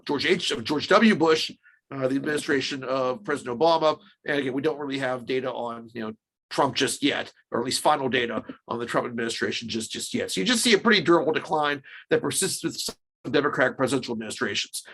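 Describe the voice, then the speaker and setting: A man with a slightly high, fairly bright voice appears as a podcast guest and research scholar, giving explanatory interview commentary. He is emphatic and often restates his points.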